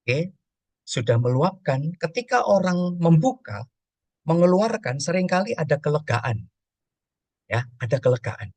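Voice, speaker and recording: A man's voice: fairly high pitch, very animated, measured pace, pauses often, darkish tone, dry recording. A man, a pastor, teaching on emotions and prayer, telling a story and acting out prayers and dialogue.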